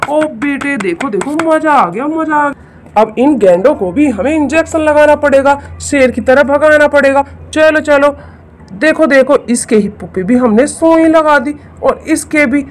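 Woman, high voice, doll play narration for children, exclaiming, repetitive, talks to the kids. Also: a little slow. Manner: exclaiming, repeats "look, look" and "very good"; addresses children directly. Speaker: storyteller for a toy channel.

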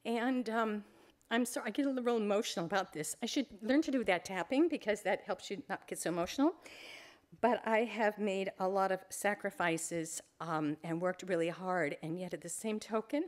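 A woman's voice: mid-range voice, normal speed. An older woman photographer giving an informal library talk, chatty, rambling and openly emotional at times.

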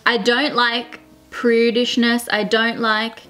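Soft music plays behind a twenties Australian woman whose fairly high, sharp voice keeps a level tone. Next to her partner in a small room with a plain wall, she answers viewer questions frankly, laughing and joking quickly in casual conversation.

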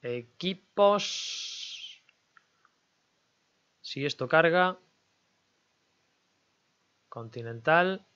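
A man's voice: a little high, animated, extremely slow, long pauses, a bit bright, smooth, lo-fi sound. A man giving casual, chatty commentary as he plays a management game, talking to himself and his viewers. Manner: chatty, talks to himself and viewers while negotiating. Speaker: gaming YouTuber.

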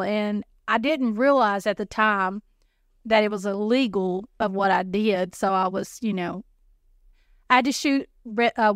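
Woman, help center director, smooth clear voice, dry close sound, playful teller. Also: mid-range voice, no room sound. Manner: playful, self-mocking storyteller. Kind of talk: casual chat.

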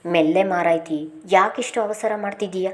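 Fussy teasing husband, lowish voice, read by a woman narrator. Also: moderate pace, lightly acted. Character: teasing husband fussing over packing.

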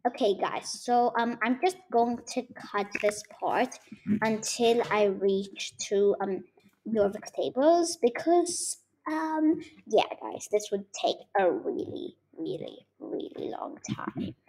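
A woman's voice: on the high side, lively intonation, slow pace, darkish tone, slight background noise, rough recording. A woman chatting casually while playing a game, rambling with many fillers and teasing her viewers. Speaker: gaming YouTuber. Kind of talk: casual gameplay commentary.

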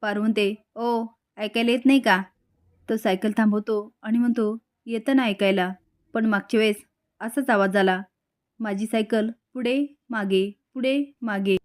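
A woman retelling the latest episode of a serial in an easy storytelling voice. Her pitch sits in the middle range, and she speaks the characters' lines in much the same everyday voice as the narration. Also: fairly even intonation, normal speed, darkish tone. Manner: retells the scenes, reading each character's lines in a plain voice.

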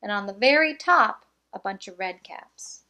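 In a medium-pitched voice, a woman reads aloud from a children's picture book. She phrases things expressively and deliberately, tossing in small asides.

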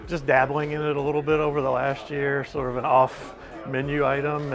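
A middle-aged car detailer from Virginia giving a steady, thoughtful interview answer on a lapel mic. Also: male voice, mid-range voice. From Virginia, USA. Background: background music.

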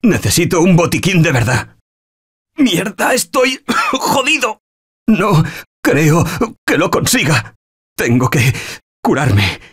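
Louis, husky, emotive Castilian zombie survivor. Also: male voice, fairly high pitch, sing-song, slow pace, pauses often, fairly bright tone, heavily acted. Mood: hurt, weary. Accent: Castilian Spanish. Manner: emotive, slangy. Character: anxious everyman survivor of a zombie apocalypse. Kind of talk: video game voice acting.

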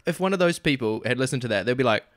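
A man's voice: medium pitch, lively intonation, very fast, fairly bright tone. A man co-hosting a casual film review, blunt and teasing, with many "you know" fillers. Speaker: podcast co-host.

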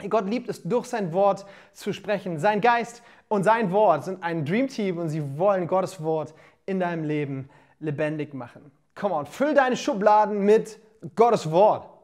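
A woman in her thirties preaching a livestreamed church sermon, speaking straight to her listeners with lively, urgent calls and then dropping to soft, quiet passages. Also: on the low side, unhurried. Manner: energetic, addressing listeners directly with "hey" and "come on".

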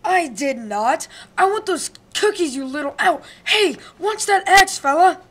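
A woman's voice: high-pitched, lively intonation, moderate pace, fairly bright tone. A woman voicing a male big bad wolf in a comic radio play, telling his side of the story with indignant self-pity. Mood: aggrieved. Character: male big bad wolf, aggrieved smooth-talking hustler.

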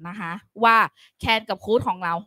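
A woman teaching a grammar lesson, coaxing her students with frequent questions and soft, polite phrasing. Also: fairly high pitch, a little slow, no room sound, clean studio sound. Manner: calls students "child", softens lines with polite particles. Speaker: English teacher. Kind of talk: online classroom lecture.

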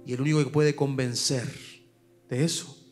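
A male pastor with a Paraguayan Spanish accent, preaching a sermon at a church service, swinging from loud urgent calls to hushed asides. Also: mid-range voice, fairly even intonation, moderate pace, faint music behind.

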